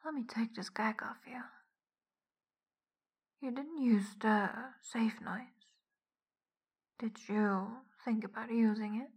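A woman giving a whispered audio roleplay in a soft, teasing whisper as the dominant partner. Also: a little high, steady tone, takes it slowly, pauses often, husky.

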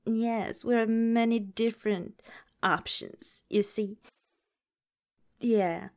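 This ASMR roleplay features a woman whose voice is on the high side, with a steady tone and slow pace. Playing a gushing makeup artist, she keeps calling the listener "darling" and "honey." Her speech is gentle and at times falls to a whisper.

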